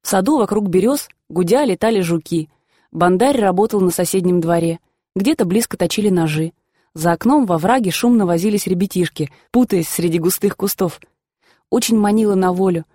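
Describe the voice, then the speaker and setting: Calm woman narrating a story. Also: mid-range voice, brisk, dry recording, clean studio sound. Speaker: audiobook reader. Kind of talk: scripted narration of a classic novel.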